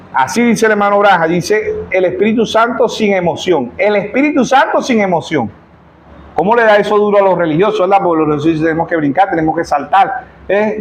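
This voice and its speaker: A man's voice: high voice, poor audio. A male pastor with a Zulia Venezuelan accent preaching a sermon in church, often asking the congregation to answer him. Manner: rhetorical call-and-response, keeps asking the congregation "yes or no".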